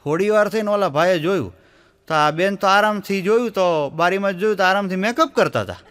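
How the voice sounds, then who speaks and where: A man's voice: sits high, fairly quick, a bit bright. A man with a Gujarati accent telling jokes in a folksy storytelling style, acting out the voices of the people in them. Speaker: stand-up comedian.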